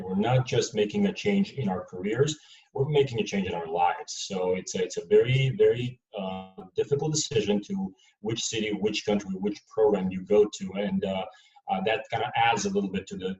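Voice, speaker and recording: Answering panel questions, a man from Serbia who works for an airline pauses and hesitates, leaning often on fillers in a slow, measured delivery. His voice is a bit low and mellow, and the faraway microphone leaves it roomy, echoing and muffled.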